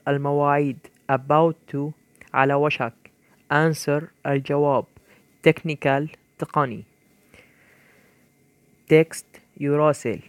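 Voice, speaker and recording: A man reading English vocabulary words one by one, each followed by its Arabic translation, in a slow, deliberate dictating manner. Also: on the high side, no echo. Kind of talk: vocabulary list read aloud with Arabic translations.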